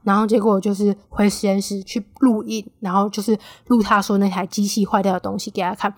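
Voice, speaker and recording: A woman's voice: mid-range voice, fairly quick, no room sound, studio quality. A woman of twenty with a Taiwanese Mandarin accent, chatting casually as the host of her solo podcast. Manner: chatty, animated when quoting friends.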